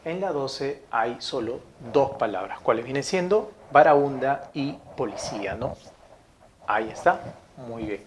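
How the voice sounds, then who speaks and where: A man teaching a grammar lesson, reading each example sentence slowly, saying it twice and checking in with his listeners. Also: mid-range voice, expressive, slight background noise.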